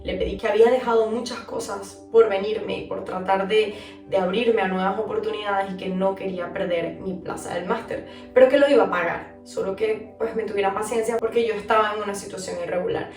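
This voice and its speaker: A young adult woman from Venezuela, telling a personal story in a chatty, animated vlog. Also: mid-range voice, a little fast. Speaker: vlogger telling her story. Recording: echoey room, mic at a distance, soft music.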